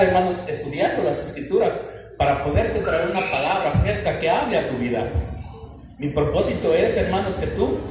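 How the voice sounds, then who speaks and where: Male pastor, Mexican accent, high voice, sermon with acted-out dialogue and shouting peaks; distant mic, heavy church echo. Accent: Mexican Spanish. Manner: preaches to the congregation, rising to shouts; acts out short dialogues in changed voices. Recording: echoey church hall from far off, faint noise.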